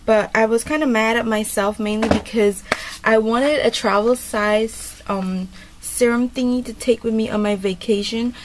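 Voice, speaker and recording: A woman's voice: fairly high pitch, steady tone, normal speed, noisy background. A woman vlogger talking casually through a hair tutorial, rambling with lots of fillers. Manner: chatty and rambling, many fillers. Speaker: beauty vlogger.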